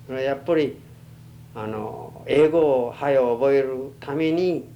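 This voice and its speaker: An elderly oral history interviewee with a western Japanese Chugoku accent reminisces in a halting, plain-spoken way. His medium-pitched voice is mellow. The muffled archival tape is noisy and hums.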